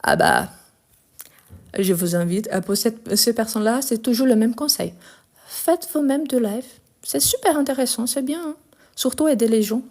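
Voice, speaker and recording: Woman French teacher with a Lyon accent, live-stream grammar lesson, mellow and warm, deliberate and explanatory. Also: on the high side. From France and Brazil. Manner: explanatory, repeats forms slowly, gets indignant answering critics.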